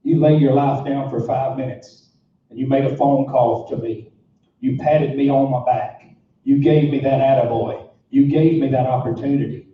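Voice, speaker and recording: A man's voice: medium pitch, fairly even intonation, moderate pace. A man giving an earnest speech from a stage. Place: large hall, on stage. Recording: echoey hall, distant mic, dull sound.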